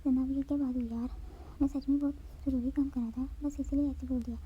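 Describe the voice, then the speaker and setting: A fond, teasing young husband spoken in a hushed whispered role-play, as a woman reads him. The voice is breathy and set fairly high, with little rise and fall. The recording is a little dull. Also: steady tone, quick pace. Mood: affectionate. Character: teasing affectionate young husband, a university teacher.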